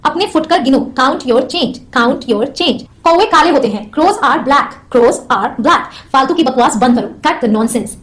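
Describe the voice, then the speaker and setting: Woman, high-pitched voice, slow careful repeats of each phrase, brisk explanations. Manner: repeats each English phrase slowly, explains quickly in Hindi. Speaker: English teacher. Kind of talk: bilingual language lesson.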